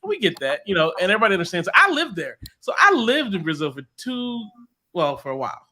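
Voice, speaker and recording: Bright-voiced man rambling in casual chat. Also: high voice, huge pitch swings, fast. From United States. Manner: loose, rambling, many restarts and fillers. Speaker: podcast co-host.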